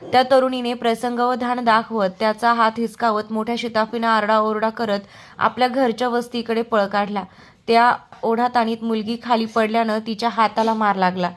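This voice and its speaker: Woman news reader, slightly high pitch; steady formal delivery. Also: moderate pace. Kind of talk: scripted news narration.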